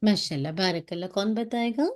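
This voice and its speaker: A woman teaching Quran recitation on a video call, explaining each sound patiently and modelling words slowly. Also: mid-range voice, darkish tone. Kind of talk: online tajweed class.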